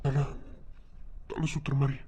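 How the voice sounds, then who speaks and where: Someone voicing an anxious cartoon village woman, mid-pitched voice, halting and repeating words. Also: flat delivery, dark tone, slightly rough, muffled recording. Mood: worried.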